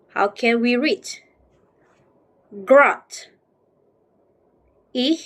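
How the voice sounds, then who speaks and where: A woman's voice: high voice, a bit bright, poor audio. A woman with an Indonesian accent, a student reading a phonology exercise aloud and sounding out words syllable by syllable. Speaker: student presenter.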